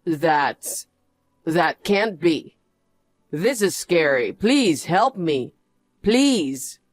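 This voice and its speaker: A man's voice: a little high, very animated, extremely slow, no echo, full character voice. A man playing a cowardly cheating husband in a story drama, whiny and pleading. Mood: panicked pleading.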